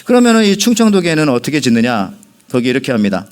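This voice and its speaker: Joking pastor preaching a sermon. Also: male voice, mid-range voice, big pitch swings, fast, clean tone. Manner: humorous storyteller, addresses the congregation directly. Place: church sanctuary.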